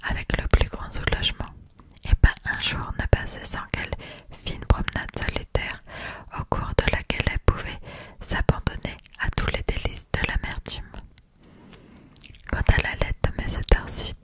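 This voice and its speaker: A reader delivers scripted literary narration entirely in a soft ASMR whisper. The voice stays breathy and unvoiced, reading classic fiction like an audiobook meant for sleep. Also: normal speed.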